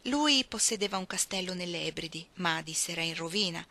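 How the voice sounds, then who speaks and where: A woman reading a literary novel aloud, expressive, dropping at times to hushed, almost whispered phrases. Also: fairly low pitch, fairly quick, a little hiss or hum. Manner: expressive, shifting between soft hushed phrases and emphatic ones. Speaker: reader.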